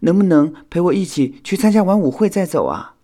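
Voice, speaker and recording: A man's voice: high-pitched, animated, brisk, dark tone, pitched above the performer's own voice. A man voicing a grateful, emotional young female firefly in a children's audio storybook, with a raised, pleading voice.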